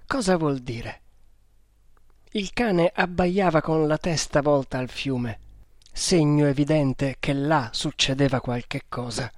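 A man narrating an adventure storybook in a slow, deliberate reading. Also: mid-range voice, no room sound, clean studio sound. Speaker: audiobook narrator.

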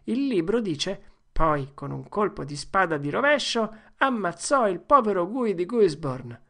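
A woman voicing a bossy boy who plays an outlaw leader, declaiming in a high, loud, theatrical voice. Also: big pitch swings, a little slow, exaggerated voice. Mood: bold, theatrical.

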